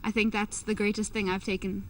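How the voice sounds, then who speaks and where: A woman's voice: medium pitch, level tone, fairly quick, a little hiss or hum, poor audio. A woman giving casual, conversational answers as a programme participant.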